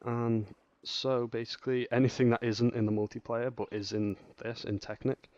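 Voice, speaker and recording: A man hosting a casual gameplay tutorial, rambling and hesitant, often restarting sentences and filling pauses. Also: medium pitch, level tone, darkish tone, no echo, muffled recording. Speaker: gaming channel host.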